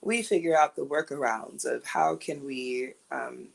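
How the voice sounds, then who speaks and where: A woman, a guest recording artist, telling animated stories in a casual interview and laughing often. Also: extremely low pitch, measured pace, creaky.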